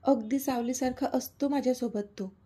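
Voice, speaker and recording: Woman doing a gentle old dad, worried and kind, husky mellow voice, audio story. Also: high-pitched, fairly even intonation, normal speed. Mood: caring. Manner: gentle and caring. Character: elderly kindly father, caring and concerned.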